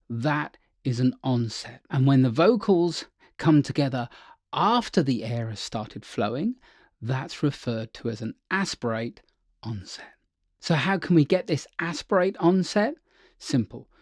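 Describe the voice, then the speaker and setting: A man's voice: mid-range voice, lively intonation, a little slow, a little mellow, dry recording, clean studio sound. A man teaching a singing lesson as a vocal coach, upbeat and chatty, checking in with the listener often.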